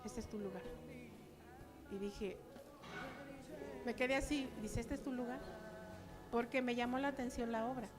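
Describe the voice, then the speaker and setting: High-voiced older woman telling her story. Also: fairly even intonation, moderate pace, long pauses, over music. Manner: chatty, acts out remembered dialogue. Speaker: church member giving testimony. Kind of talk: personal testimony to a congregation.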